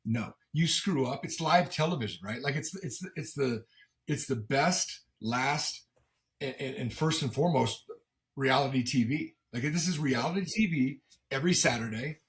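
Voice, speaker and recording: A middle-aged man with a gravelly smoker's rasp chats casually as a sports interview guest, often repeating words as he goes in a folksy, self-deprecating way. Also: mid-range voice, normal speed, fairly bright tone. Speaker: football commentator and former coach, as guest.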